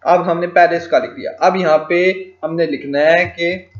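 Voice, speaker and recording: A man's voice: on the high side, steady tone, moderate pace. A man teaching freelancing in a screen-recorded tutorial, dictating English phrases word by word as he types, with frequent fillers like "ok ji". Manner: frequent fillers "ok ji" and "theek hai". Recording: echoey lo-fi home recording.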